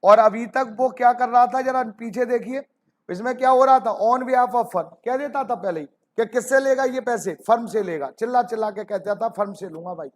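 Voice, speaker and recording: A man's voice: extremely high pitch, normal speed. A man teaching an accounting lesson, fondly calling students "beta ji" and asking rhetorical questions.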